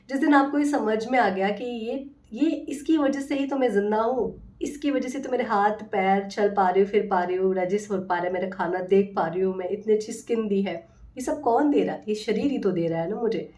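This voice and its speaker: A woman healing coach talking casually to viewers in a soft, affectionate and earnest way. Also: medium pitch, moderate pace, recorded from a distance. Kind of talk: casual motivational talk to viewers.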